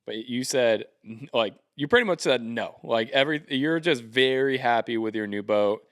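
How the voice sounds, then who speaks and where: A man's voice: mid-range voice, normal speed, clean tone. A young man hosting a casual podcast, rambling and joking, with lots of ums and likes, talking into a handheld mic. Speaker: podcast host. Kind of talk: casual chat. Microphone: handheld karaoke-style mic.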